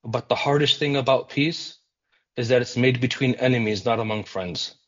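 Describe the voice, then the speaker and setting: A man from the United States giving earnest, measured public remarks at a civic meeting, with frequent ums and uhs as he gathers his thoughts. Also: mid-range voice, a bit bright, lo-fi sound. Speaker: community center representative.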